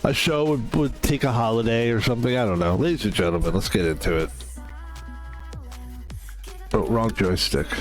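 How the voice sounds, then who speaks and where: A man's voice: fairly low pitch, normal speed, long pauses, faint music behind, poor audio. A man in his fifties chatting casually as a game streamer, rambling and interrupting himself. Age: 50s. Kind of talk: casual gaming stream chat.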